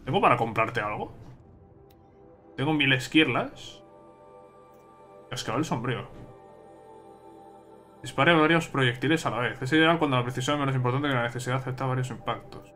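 A man with a Spain Spanish accent talks through a video game as he plays. His voice is bright and tense, and he chats along, thinking aloud and repeating his words. Faint game music plays behind him. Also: medium pitch, quick pace. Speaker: gaming streamer. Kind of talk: casual let's-play commentary.

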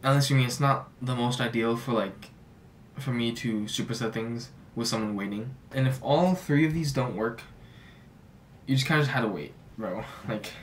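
A young man in his twenties giving gym advice in a relaxed way, full of "like" fillers, in a small home office. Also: medium pitch, normal speed, distant mic, slight background noise. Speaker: fitness YouTuber. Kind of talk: casual talking-head advice.

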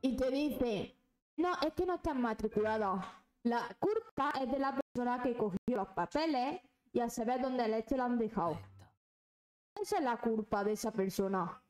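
A young woman rants on a casual live stream, swearing and fuming. Her voice sits a little high. The room around her is echoey. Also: normal speed, darkish tone. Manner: angry ranting, swearing.

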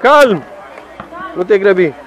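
A man with a very high, strained voice yells urgent instructions from the sideline to his players. A loud crowd roars around him, and the whole recording is thick with noise. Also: very animated. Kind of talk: shouting from the sideline. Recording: noisy live crowd. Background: crowd chanting at a match.

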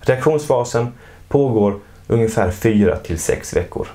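A man giving calm, measured scripted narration for an educational explainer video. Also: medium pitch.

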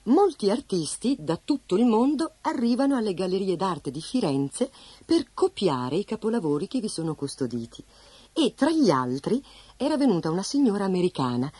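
A woman reading a children's story aloud in an expressive, sing-song storybook narration. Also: on the low side, breathy edge, no room sound. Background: soft background music.

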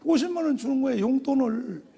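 An older man giving a testimony sermon as a pastor, telling his story in an animated way, acting out quoted voices and laughing often. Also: very high-pitched, fast, gravelly, slight background noise. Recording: long hall reverb.

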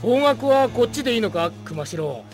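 A man's voice: very high voice, sing-song, normal speed. A man voicing a big, boastful, melodramatic teenage schoolboy who can turn childish, in an anime. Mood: cocky. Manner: blustering, melodramatic. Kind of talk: anime voice acting. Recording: music behind the voice.

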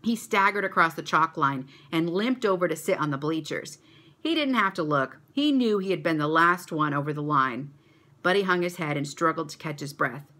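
A woman reading a children's story aloud to a church kids' club, expressive and animated. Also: deep voice, normal speed.

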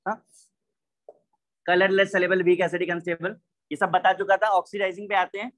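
High-voiced Indian chemistry teacher. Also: male voice, flat delivery, a little fast, fairly bright tone, rough recording. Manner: explains step by step, mixing English terms, asks students to check. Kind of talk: online class lecture.

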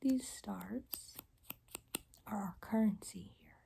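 A young woman in a whispered role-play as a caring rainbow fairy, speaking in a gentle, reassuring, breathy whisper. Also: medium pitch, slow, a little hiss or hum. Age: young adult. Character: caring, soft-spoken rainbow fairy guide. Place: small room indoors.

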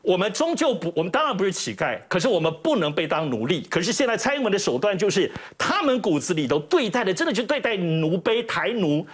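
A man's voice: sits high, big pitch swings, fast, few pauses, breathy edge. A man giving indignant, emphatic talk show commentary in a television studio. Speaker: political commentator.

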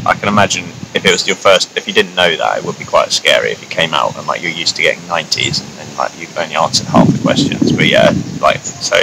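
A young man from New Zealand, an engineering student, answering interview questions in a relaxed, rambling way with many "like"s. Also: low voice, vocal fry. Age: young adult. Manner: relaxed, rambling, fills with "like" and "kinda". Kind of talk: casual interview. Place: outdoors in a grassy field. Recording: steady outdoor noise behind.

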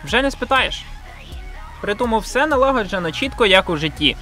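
Music plays under a high, sharp, animated voice moving fairly quickly: a Ukrainian man from a village narrating a scripted video review. He is blunt and sardonic, mocks himself, and uses slang and swearing.

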